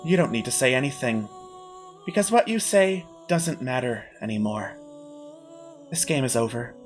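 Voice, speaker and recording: A man's voice: mid-range voice, lively intonation, moderate pace, pitched below the performer's own voice, natural voice. Man putting on a smug, theatrical villainess. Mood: bored, taunting. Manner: taunting, condescending, theatrically polite. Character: smug, bored, theatrical villainess hosting a deadly game. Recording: background music under the voice.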